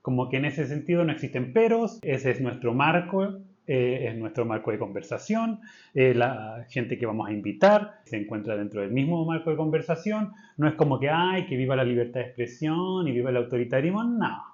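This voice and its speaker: A Chilean man co-hosts a podcast in casual chat, very animated, with a mid-range, slightly mellow voice at a moderate pace. He thinks aloud with restarts and states his principles firmly, and the lo-fi recording sounds slightly dull.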